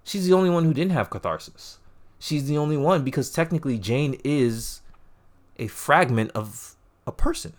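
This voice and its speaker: A man's voice: a little high, moderate pace. Man, podcast co-host, casual TV chat, swears a lot, acts out scenes as he retells them. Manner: profane, animated retellings of scenes.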